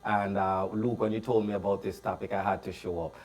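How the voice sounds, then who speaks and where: A man's voice: lowish voice, little pitch movement, brisk, darkish tone. A man with a Jamaican accent, a community leader, speaking as a polite panel guest. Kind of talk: casual panel talk.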